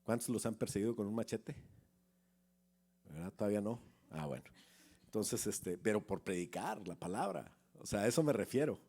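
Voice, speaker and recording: This middle-aged male pastor has a warm, lowish voice and speaks at a moderate pace with animation. His sermon feels like a conversation, full of questions to the congregation and small stories he acts out.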